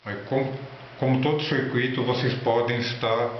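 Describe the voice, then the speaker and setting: A man with a Brazilian accent giving an informal electronics tutorial and product rundown in a halting, instructional way. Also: mid-range voice, steady tone. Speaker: electronics hobby presenter. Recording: roomy, echoey, dull lo-fi with faint noise.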